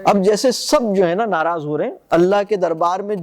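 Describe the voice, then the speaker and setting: A man with a high-pitched voice lectures on poetry. He explains eagerly, then slows down to recite verses with care.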